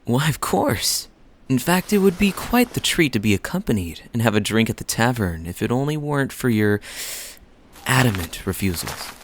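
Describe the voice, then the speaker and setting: A man's voice: mid-range voice, very animated, normal speed, a little hiss or hum, close to an everyday voice. Man playing suave, teasing Kaeya, swooping flirtatious lilt. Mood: pleased, teasing. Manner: smooth-talking, playful, coy, lingering phrasing. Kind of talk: romantic interactive audio roleplay, spoken to the listener.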